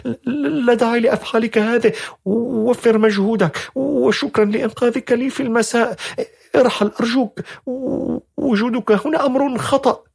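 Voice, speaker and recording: A man's voice: very high voice, steady tone, moderate pace, creaky, breathy edge, no echo, clean studio sound, voice pushed up, full character voice. A man doing a stammering, tearful young woman. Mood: fearful crying. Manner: stammering, pleading, sharp.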